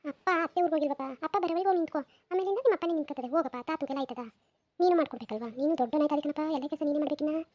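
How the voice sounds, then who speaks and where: A fussing old village grandmother in a cartoon, as a woman puts her on. Her voice is very high and quick, and she nags and coaxes without pause. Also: dark tone, no echo, dull audio, close to an everyday voice. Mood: scolding. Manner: nagging, coaxing. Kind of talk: cartoon voice acting.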